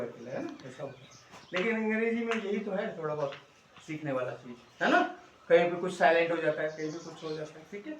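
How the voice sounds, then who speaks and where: A middle-aged male schoolteacher, teaching a class and coaxing the pupils with constant check-in questions. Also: high voice. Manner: coaxing, keeps asking "है ना?". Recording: echoey room, distant mic, faint noise.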